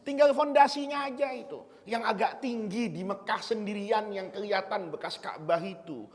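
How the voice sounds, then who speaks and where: A man's voice: high voice, moderate pace, long reverb tail. A male preacher giving a sermon, telling stories playfully and quizzing his audience. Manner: lively storytelling, quizzes audience, playful asides.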